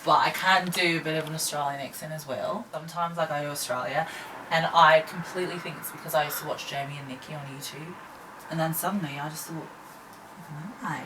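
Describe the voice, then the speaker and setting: A low, self-mocking woman talks casually as she paints, chatting about her work. Her voice sits deep for a woman. A steady hiss of background noise runs under the recording. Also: quick pace. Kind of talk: casual chat while painting. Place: art studio.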